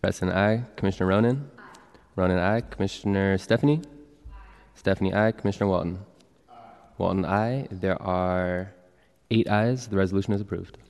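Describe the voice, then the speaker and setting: A man working as a meeting clerk, reading roll calls and announcements in a steady, businesslike way. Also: low-pitched, moderate pace, pauses often. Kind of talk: formal public meeting proceedings. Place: large legislative chamber. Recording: long reverb of a large chamber.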